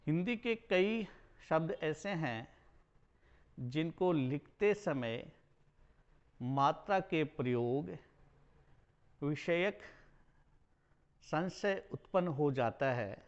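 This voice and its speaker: A male college lecturer giving a spelling lesson, explaining slowly and deliberately, repeating and correcting words as he goes. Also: on the high side, dull audio. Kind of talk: recorded Hindi spelling lesson.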